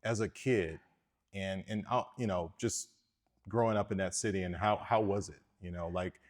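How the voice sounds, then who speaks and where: A man with a fairly low voice hosts a relaxed interview. He asks loose, friendly questions, leaning on fillers as he goes. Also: normal speed. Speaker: interviewer, host. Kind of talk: casual interview.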